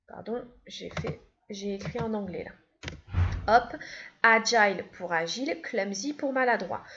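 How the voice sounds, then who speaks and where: Lady teacher going over grammar step by step, kinda high voice, muffled lo-fi audio. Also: a little hiss or hum. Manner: patient, repeats each step. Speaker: English teacher. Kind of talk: classroom grammar lesson. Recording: dull, lo-fi sound.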